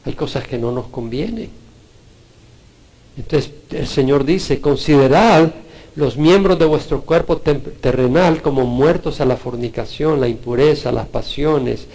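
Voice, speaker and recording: A man with a gravelly, creaky edge to his voice delivers a sermon. He teaches with earnest emphasis, reading scripture aloud and driving each point home. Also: medium pitch, unhurried, a little mellow, poor audio. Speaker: preacher.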